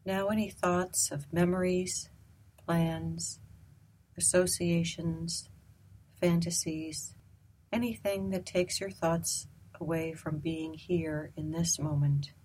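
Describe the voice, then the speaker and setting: A woman with a low, breathy voice guides a meditation. She speaks slowly and softly, in a calm and gentle way. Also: poor audio. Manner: slow, soft, calm and gentle.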